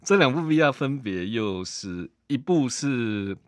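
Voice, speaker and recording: A man with a Taiwanese Mandarin accent hosting a casual interview, building his questions in halting, repeated phrases. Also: mid-range voice, animated, no echo. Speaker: podcast host, interviewer.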